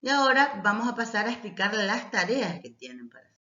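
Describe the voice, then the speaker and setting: A woman teacher explaining lessons patiently, often checking in with a short "mm?" and reading verses aloud slowly. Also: medium pitch, sing-song, sharp tone. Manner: reads poems aloud slowly. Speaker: language teacher. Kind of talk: recorded class lecture. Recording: roomy, dull lo-fi recording.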